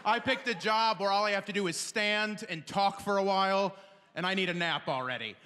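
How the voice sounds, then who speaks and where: A man opening a stand-up set with energetic, self-mocking banter toward the crowd. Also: high voice, a little fast, long reverb tail, a little hiss or hum. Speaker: stand-up comedian. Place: comedy club stage.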